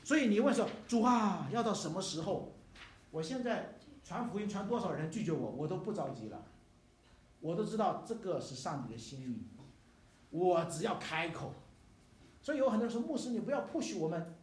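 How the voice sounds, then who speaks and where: An older male pastor preaching with emphasis and tossing rhetorical questions at his listeners. His voice sits a little high for a man. The room is echoey and he stands away from the mic. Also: expressive, moderate pace, darkish tone. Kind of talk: sermon. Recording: echoey hall, mic at a distance.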